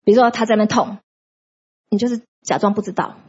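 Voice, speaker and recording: A woman's voice: mid-range voice, steady tone, fast, darkish tone, slightly rough, muffled recording. A woman preacher giving a sermon with personal testimony, speaking emphatically and acting out commands against sickness.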